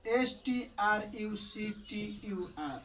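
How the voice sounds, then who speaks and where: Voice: medium pitch, expressive, very slow, a bit bright. An English pronunciation teacher gives an online video lesson. The teacher spells words letter by letter and asks and answers their own questions in a casual, chatty way. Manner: explains step by step in a casual, chatty tone. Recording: voice a little distant from the mic.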